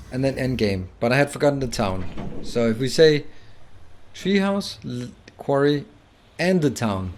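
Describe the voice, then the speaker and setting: A man's voice: mid-range voice, darkish tone, a little hiss or hum. A man playing a puzzle game blind, muttering his reasoning aloud and mocking himself. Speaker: gaming video host.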